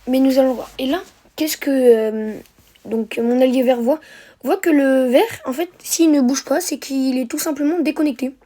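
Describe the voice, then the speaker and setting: A woman's voice: sits high, normal speed, warm tone. A woman narrating a strategy game replay for viewers, hesitant, with many fillers and self-corrections. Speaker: gameplay commentator.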